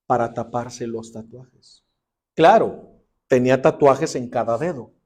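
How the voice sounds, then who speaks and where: Man telling a story in a Bible class. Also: medium pitch. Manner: dramatic retelling, dropping to a hushed voice for emotional lines.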